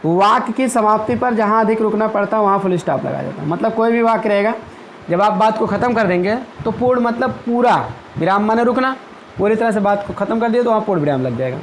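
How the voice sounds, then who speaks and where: A man with a fairly high voice teaches a grammar lesson. He goes step by step with everyday examples and reads example sentences slowly. There is a faint hum of background noise. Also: animated, poor audio. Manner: checks in with "ठीक है" and "clear".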